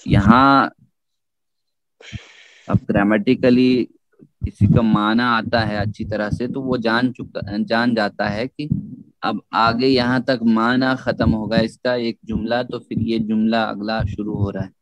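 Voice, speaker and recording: A man teaching a Quran recitation lesson, repeating key phrases slowly and chanting Arabic verses as examples. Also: on the low side, little pitch movement, no echo, lo-fi sound. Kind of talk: Urdu tajweed lesson.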